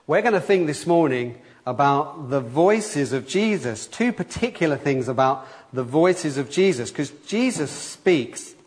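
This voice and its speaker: A man leading a gentle children's talk in a church service, reading scripture and asking the children questions. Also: a little high, expressive, a little slow, few pauses, in a large hall. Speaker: preacher.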